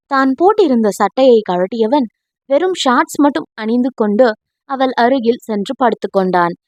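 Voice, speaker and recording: A woman reading a romance audio novel as narrator, telling the story in a steady read. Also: fairly high pitch, no room sound.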